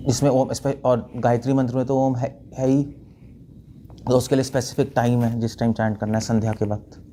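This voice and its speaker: A man's voice: medium pitch, level tone, a little fast, dark tone, slight background noise. A man, a monk giving a spiritual talk, questioning his listeners and demonstrating chants. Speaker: monk teacher.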